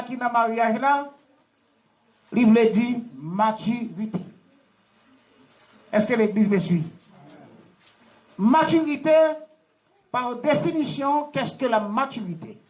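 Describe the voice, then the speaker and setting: A high-voiced Haitian pastor preaches at a wedding, his pitch sitting well above most men's. He leads his congregation in call-and-response, quizzing them like a teacher and getting them to repeat lines back to him. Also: low-quality recording. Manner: laughing, teacherly questioning. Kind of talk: wedding sermon.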